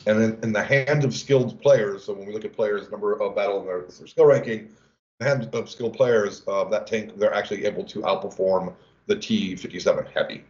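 A man from the game team sharing player stats on a livestream, halting with many fillers. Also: on the low side, fairly even intonation, darkish tone. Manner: halting, many uhs and restarts. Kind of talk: casual livestream chat. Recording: echoey room, dull lo-fi audio.

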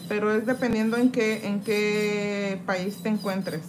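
A woman's voice: medium pitch, little pitch movement, unhurried, background noise. A woman from Mexico doing casual live-stream chat as she files acrylic off her own nails, reading viewer comments aloud and greeting each one by name. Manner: chatty, reads viewer comments aloud and greets them while working. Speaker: nail tech streamer. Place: indoors at a nail desk.

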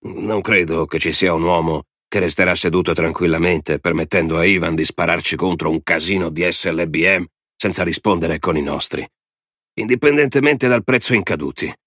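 A man's voice: low-pitched, moderate pace, a bit bright, no room sound, studio quality. A man voicing a blunt, hawkish male general in an audiobook reading. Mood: urging. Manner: blunt, urging.

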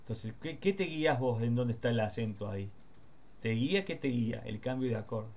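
A man with an Argentine Spanish accent, teaching guitar in a casual one-on-one lesson, explaining rhythm with quick rhetorical questions. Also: medium pitch, lively intonation, darkish tone. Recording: guitar playing in the background.

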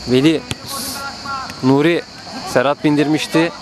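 This is excitable, live play-by-play from a male football commentator whose calls stretch into long screams at goals. The outdoor pitch is noisy, and its ambience carries through.

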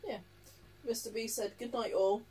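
A woman's voice: on the high side, fairly even intonation, normal speed, darkish tone, a little hiss or hum. A woman co-hosting a casual home live stream, reading viewer comments in a tired, matter-of-fact way. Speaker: co-host reading chat. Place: home living room.

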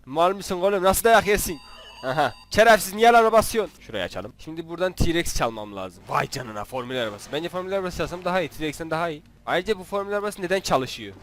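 A man's voice: fairly high pitch, lively intonation, fast, fairly bright tone, a little hiss or hum. A young man giving casual, jokey commentary while playing a video game, teasing the characters on screen. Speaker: gaming YouTuber. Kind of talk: casual Let's Play commentary.

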